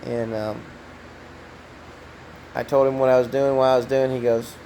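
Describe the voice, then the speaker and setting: A middle-aged man, talking to camera in a casual, heartfelt way, soft-spoken and halting, with many pauses and restarts. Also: mid-range voice, level tone, a little hiss or hum, rough recording. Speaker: trucker vlogger.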